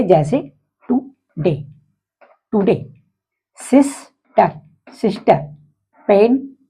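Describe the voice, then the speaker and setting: A woman's voice: medium pitch, warm tone, breathy edge. A woman teaching English syllables in a video lesson with a Hindi accent, repeating key terms and asking rhetorical questions.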